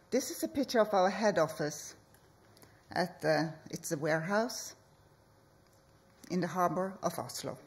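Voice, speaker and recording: Measured, slow-paced woman presenting. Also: lowish voice. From Norway. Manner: measured, deliberate, with pauses between phrases. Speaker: architect, conference speaker. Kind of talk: conference presentation. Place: conference hall.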